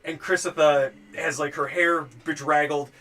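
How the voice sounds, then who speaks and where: A man's voice: a little high, fairly even intonation, normal speed, sharp tone. A man narrating as game master of a tabletop game, chatty and laughing, with spoken sound effects.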